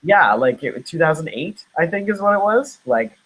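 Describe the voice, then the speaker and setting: Young actor guy from nova scotia, husky voice, rambling with lots of likes and you knows. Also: a little high, very animated, normal speed, a bit bright, rough recording. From Nova Scotia, Canada. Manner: rambling, many fillers and restarts. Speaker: actor guest. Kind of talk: casual interview chat.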